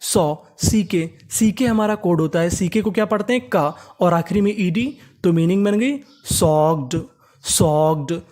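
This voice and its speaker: Teacher drilling English spelling, mid-pitched. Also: darkish tone. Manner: asks questions of the viewer and answers them, drill style; slowly repeats each target word several times. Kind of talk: spoken lesson spelling out English words in Hindi.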